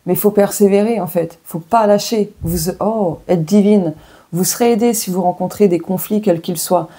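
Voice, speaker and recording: A woman's voice: medium pitch, normal speed, dark tone, husky. A woman with a French accent doing a casual weekly tarot and oracle card reading, chatting and thinking aloud with many fillers and asides.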